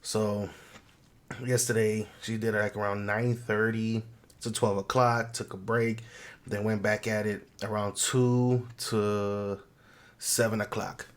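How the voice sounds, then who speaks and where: A man's voice: fairly low pitch, level tone, takes it slowly. A man sick with the flu and a swollen throat, chatting casually and bluntly as a podcast co-host. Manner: blunt, freely swearing.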